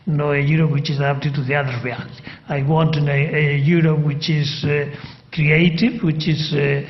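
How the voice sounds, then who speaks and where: A man answering questions on a debate panel, speaking in deliberate, halting phrases. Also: a little high, highs cut off.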